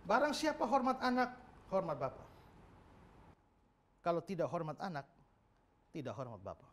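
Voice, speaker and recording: A man's voice: high voice, huge pitch swings, moderate pace. A middle-aged man, a pastor, giving an emphatic Bible teaching and acting out quoted speech.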